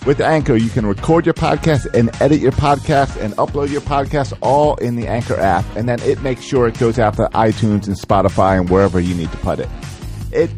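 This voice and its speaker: Mid-pitched man reading a casual podcast ad. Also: a little mellow. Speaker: podcast host. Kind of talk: casual podcast sponsor read.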